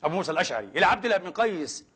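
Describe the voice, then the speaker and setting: Fast, impassioned man preaching a sermon. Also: high-pitched, very animated, bright, forceful tone, breathy edge. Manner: impassioned, emphatic, asks many rhetorical questions.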